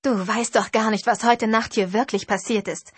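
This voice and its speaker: A woman voicing a haughty, scheming young female rival in an audiobook, cold and taunting, breathy voice. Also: fairly high pitch, fairly even intonation, normal speed, dry recording.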